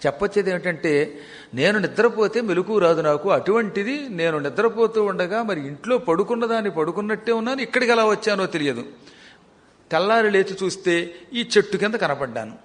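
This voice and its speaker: Male devotional storyteller, high-pitched, dramatic with humorous asides, recorded in a reverberant hall. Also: expressive. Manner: dramatic, slows down for vivid descriptions, joking asides. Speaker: religious storyteller.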